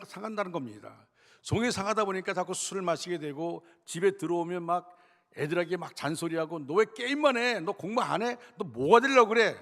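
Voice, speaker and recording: A man, the senior pastor, preaching a sermon in a church sanctuary, emphatic, repeating key phrases and addressing the congregation directly. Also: a little high. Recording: long church reverb.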